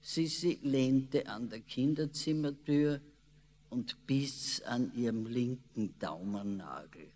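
A man narrating a children's story in a slow, expressive way. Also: mid-range voice. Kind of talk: storybook reading. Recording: long reverb.

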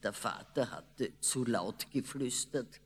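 A man narrating a children's story in a slow, expressive way. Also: medium pitch, a little hiss or hum. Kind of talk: storybook reading. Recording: long reverb.

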